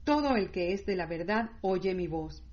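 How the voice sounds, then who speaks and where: A woman reading the lines of a calm, grave male prophet in her own measured voice, on dull lo-fi audio. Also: medium pitch, natural voice. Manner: read plainly in the narrator's own measured voice.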